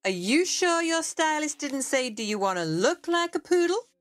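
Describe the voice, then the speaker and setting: A woman's voice: high-pitched, very animated, moderate pace. A woman voicing a vain, haughty amateur diva who wants the spotlight. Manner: haughty, indignant. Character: vain diva Sissy, wants star billing.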